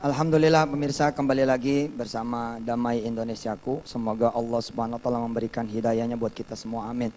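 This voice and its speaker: A male preacher giving a televised sermon as a story, moving from hushed telling to fervent exclamation. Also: medium pitch, level tone, fast, few pauses, a little hiss or hum.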